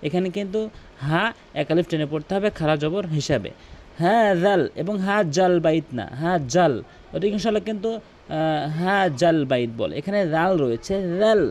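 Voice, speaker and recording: A man teaching Quran recitation, explaining pronunciation and then reciting phrases slowly and drawn out. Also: sits high, animated, darkish tone. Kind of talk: tutorial on Arabic pronunciation.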